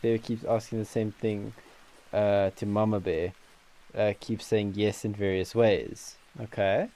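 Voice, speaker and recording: This gaming channel host has a lowish, mellow voice and a flat, unhurried delivery. He chats casually and jokes with friends during gameplay, rambling with plenty of fillers.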